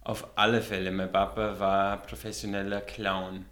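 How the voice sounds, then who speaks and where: Low-voiced man, American-tinged Austrian accent. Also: flat delivery, normal speed, a bit bright, reverberant. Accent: American-tinged Austrian German. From Austria and the USA. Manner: easygoing, repeats words, laughs often. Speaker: guest, visual artist. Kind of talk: relaxed interview conversation.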